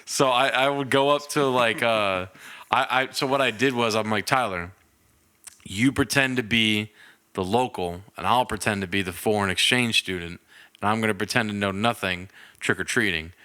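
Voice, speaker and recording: A young man co-hosting a podcast tells a story in casual chat, laughing his way through it. His voice is on the low side, smooth and sharp in tone, at a normal speed.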